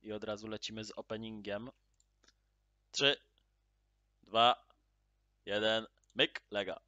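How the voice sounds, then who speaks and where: A man with a lowish voice gives unhurried, casual gameplay commentary. He booms his greetings, drops to quiet muttering while he plays, and bursts into excited cries. The recording is dull, lo-fi and dry. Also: clean tone, no room sound. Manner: loud upbeat greetings, then mutters quietly while playing; excited exclamations at in-game drops. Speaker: gaming channel host.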